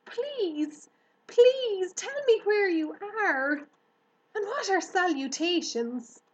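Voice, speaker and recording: An excitable young piglet from a children's storybook, acted out by a woman, speaking in a high, loud voice. He is innocent and earnestly polite, tripping over his words in his eagerness. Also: slow pace, dull audio, heavily acted. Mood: startled, frantic. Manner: stammering, effusive, earnestly polite.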